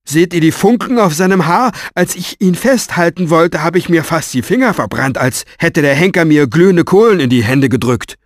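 A man playing a big, coarse manservant, scared and shouting in a strained, raised voice. The sound is close and dry. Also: expressive, normal speed, few pauses, no echo, lightly acted. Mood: panicked. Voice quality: loud, high-strung.

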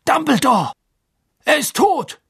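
A male audiobook reader voicing a frantic middle-aged official who talks shrill, loud and panicky, in a husky, dry recording. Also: normal speed, no room sound, full character voice. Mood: alarmed.

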